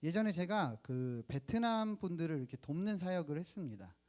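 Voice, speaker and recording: A man's voice: fairly high pitch, very animated, a little fast, a little mellow. A man in his thirties preaching a sermon at church, telling personal stories and asking the congregation questions. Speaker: pastor. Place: church sanctuary.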